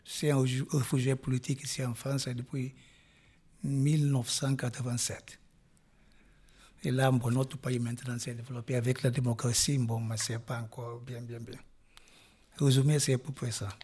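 Middle-aged guy, husky voice, halting, keeps restarting and trailing off. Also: medium pitch, flat delivery, a little mellow. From Guinea-Bissau. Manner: halting, restarts phrases, drops off at line ends. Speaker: interviewee, refugee musician. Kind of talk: casual interview talk.

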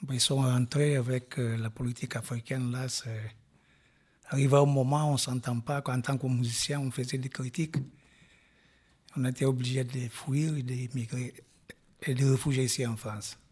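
Middle-aged guy, husky voice, halting, keeps restarting and trailing off. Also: medium pitch, flat delivery, a little mellow. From Guinea-Bissau. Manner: halting, restarts phrases, drops off at line ends. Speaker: interviewee, refugee musician. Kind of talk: casual interview talk.

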